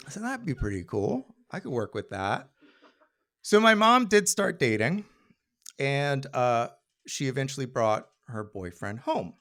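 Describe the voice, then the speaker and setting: Telling a personal story to a live audience, a middle-aged American man from Maryland speaks in a very animated mid-pitched voice whose pitch rises and dips widely. His delivery is wry, conversational and unhurried, and he briefly acts out the people he quotes.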